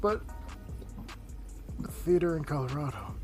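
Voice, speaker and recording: A man's voice: a little high, measured pace, over music. A man guesting on a podcast, joking and swearing in casual film review chat.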